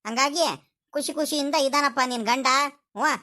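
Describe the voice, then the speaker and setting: A woman's voice: sits high, steady tone, fairly bright tone. A woman voicing a fretful, scolding village father in a comedy cartoon. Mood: telling. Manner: scolding, rapid.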